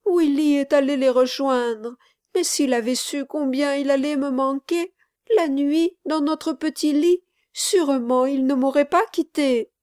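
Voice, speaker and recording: A woman voicing a small tearful boy who begs a girl not to leave, in a high, crying voice. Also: a little slow, a little mellow, dry recording, clean studio sound. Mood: pleading, tearful.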